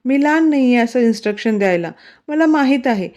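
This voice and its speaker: A shy young wife pleads and grumbles in a slightly raised, mellow voice, as a woman reads her lines. The story is told like a storybook romance. The recording sounds dull and lo-fi. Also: on the high side, expressive, a little fast, lightly acted.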